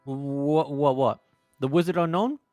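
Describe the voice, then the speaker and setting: A man voicing a baffled, excitable man in a tabletop game, firing off confused questions. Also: fairly high pitch, rapid-fire, dry recording, soft background music, voice pushed up.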